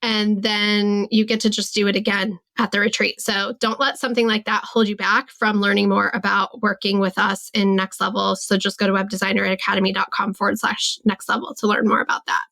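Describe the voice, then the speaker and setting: A woman's voice: mid-range voice, level tone, fairly quick, gravelly, few pauses, sharp tone. A woman in her forties hosting a solo podcast, talking candidly and reflectively about her business, often saying "like" and voicing her own thoughts as quotes. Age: 40s. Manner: reflective, candid, many "like" fillers. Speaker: podcast host and business coach. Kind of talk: casual solo podcast monologue.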